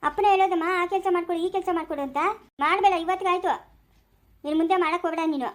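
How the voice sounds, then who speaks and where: Lady doing a sharp-tongued village mom, high voice, talks fast, bossy. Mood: scolding. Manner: scolding, bossy. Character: sharp-tongued middle-aged village mother. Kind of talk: home-made family drama.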